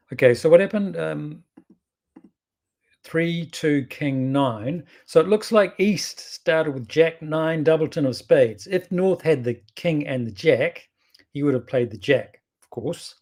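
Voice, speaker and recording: A man's voice: a little high, takes it slowly, darkish tone. Man with a broad Kiwi accent. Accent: strong New Zealand. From New Zealand. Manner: informal, rambling, self-correcting. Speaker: bridge player presenting his own videos. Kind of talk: casual thinking-aloud game commentary.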